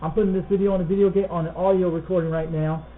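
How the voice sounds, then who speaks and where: High-pitched American man on crackly CB radio. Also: fairly even intonation, very fast, narrow, tinny audio. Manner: repetitive call-outs. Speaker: CB radio operator. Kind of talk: CB radio calls with radio slang. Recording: thin crackly CB radio, faint noise.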